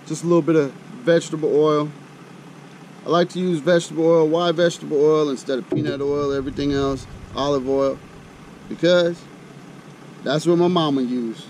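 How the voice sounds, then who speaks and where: With fairly even intonation and a moderate pace, a middle-aged American man runs through camp cooking for his outdoor cooking channel. His chat is casual, folksy and thought-out-loud, and the outdoor audio has a loud ambient rumble.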